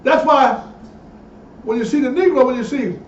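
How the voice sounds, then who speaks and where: A man's voice: very high-pitched, moderate pace, a little hiss or hum. A man preaching, reading passages aloud and breaking in with emphatic asides. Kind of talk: sermon with read-aloud passages. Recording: echoey, distant, dull lo-fi sound.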